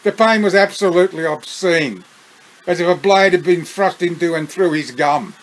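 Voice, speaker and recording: A man with an Australian accent reading his own story aloud, unhurried, breaking off for chuckling asides. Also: sits high, low-quality recording.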